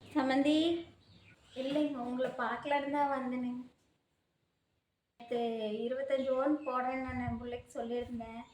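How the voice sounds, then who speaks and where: A woman's voice: high-pitched, little pitch movement, normal speed, pauses often, a little mellow, echoey room, slight background noise, natural voice. A woman playing a poor mother who has lost her savings, pleading and lamenting in a home-made family skit.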